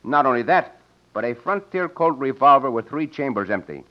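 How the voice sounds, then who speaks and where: A man's voice: medium pitch, expressive, normal speed, lightly acted. A man playing a gallant Mexican cowboy adventurer in an old radio western, speaking with a Mexican accent and formal, courtly theatricality. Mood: accusing, assured. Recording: dull, noisy old radio recording.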